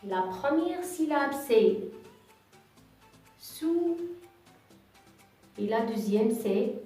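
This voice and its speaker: Slow, patient woman teacher in an echoey room. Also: fairly high pitch, animated, dark tone. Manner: patient, repeats syllables slowly and clearly. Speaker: kindergarten teacher. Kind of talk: slow classroom reading lesson for children. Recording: echoey room, voice from far off, faint music.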